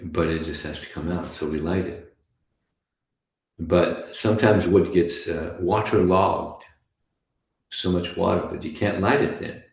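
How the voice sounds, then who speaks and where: A man giving an informal scripture class, telling stories in a chatty way and often breaking into soft laughs. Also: low-pitched, steady tone, a little slow, vocal fry, pauses often, roomy sound, rough recording. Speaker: devotional class speaker.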